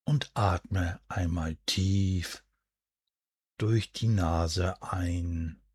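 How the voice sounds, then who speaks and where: Male, deep and husky, near-whispered sleep hypnosis narration, soothing and unhurried, very dry close sound. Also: fairly even intonation, no room sound. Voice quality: breathy, soft, at times near a whisper. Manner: soothing, hushed, deliberate, with drawn-out pauses. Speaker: hypnosis and relaxation guide.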